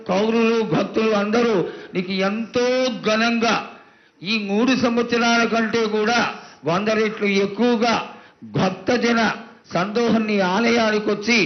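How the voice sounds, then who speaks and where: A man's voice: sits high, dull audio. A man speaking as a priest, reverently pleading with and questioning a mother goddess in a devotional, supplicating way.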